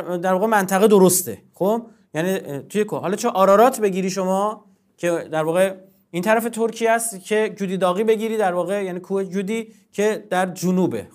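A man as guest scholar in a discussion of religion, lecturing in a formal, emphatic way and often repeating himself. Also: high voice.

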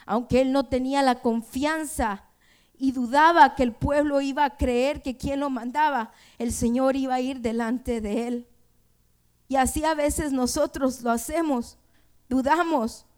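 A woman's voice: high-pitched, steady tone, measured pace. A woman preaching a sermon in an earnest way, retelling scripture quoted dialogue and slipping in words.

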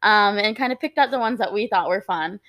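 A woman's voice: mid-range voice, fairly quick, lo-fi sound. Chatty twenty-something woman, cohosting a podcast, lots of you-knows. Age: 20s. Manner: chatty, leans on "you know" and "like". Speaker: podcast co-host. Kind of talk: casual chat.

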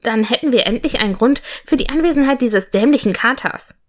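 A woman's voice: fairly high pitch, lively intonation, a little fast, pitched above the performer's own voice, natural voice. Grumpy male owl, snide, grumbling, sarcastic storybook creature, read by a woman.

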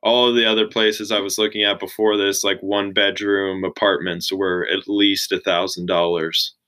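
Bright-voiced young man chatting casually. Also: deep voice, normal speed, low-quality recording. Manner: relaxed, many "like" fillers. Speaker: interview guest. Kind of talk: casual chat.

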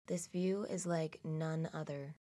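A woman narrating a guided meditation slowly and soothingly, in a hushed delivery with long pauses. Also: low-pitched, steady tone.

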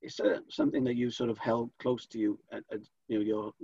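A man interviewing a guest, halting and full of fillers. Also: mid-range voice, gravelly, warm tone, breathy edge, no room sound. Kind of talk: casual interview. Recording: dull, dry lo-fi sound.

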